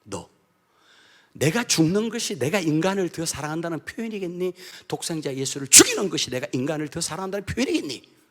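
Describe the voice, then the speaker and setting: A man voicing God as a male divine voice that rebukes him and then pleads with him, sometimes sternly and sometimes in a soft whisper, within a sermon. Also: fairly high pitch, sing-song, a little fast. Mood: tender whisper.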